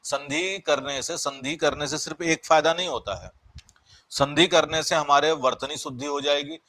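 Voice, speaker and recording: A man's voice: fairly high pitch, moderate pace, sharp tone, no echo. A man teaching a grammar class, explaining step by step, repeating key words and asking the class questions. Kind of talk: live online grammar class.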